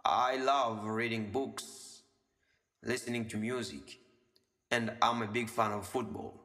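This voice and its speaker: Guy in his 20s teaching english, says the examples slow and twice, echoey reverb-y room. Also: medium pitch, fairly even intonation, pushed and bright. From DR Congo. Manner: slows down and repeats the English example phrases. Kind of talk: language lesson explained in French.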